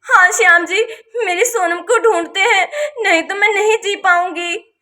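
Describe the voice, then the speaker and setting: A woman's voice: extremely high pitch, unhurried, sharp tone, heavily acted. Woman voicing a panicked, tearful village mother. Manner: panicked, pleading, on the edge of tears. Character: frantic young village mother Radha. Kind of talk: doll story voice acting.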